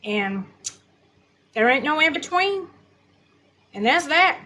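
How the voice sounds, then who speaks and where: A sassy makeup consultant talks bluntly and slowly, voiced by a woman. Her high voice is bright and sharp, with plenty of attitude and slang. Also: very animated, heavily acted, poor audio.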